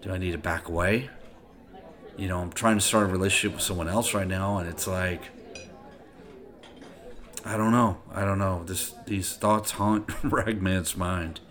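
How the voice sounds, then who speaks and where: A middle-aged man hosting a podcast, talking in a rambling, profane, casual way with big swings between loud and quiet. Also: low voice, steady tone, moderate pace, pauses often. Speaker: podcast host. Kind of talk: casual monologue.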